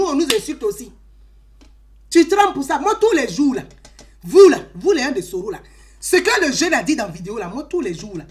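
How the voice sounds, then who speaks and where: A woman with an Ivorian French accent delivering an impassioned political monologue, emphatic and scolding, swinging between loud outbursts and low asides.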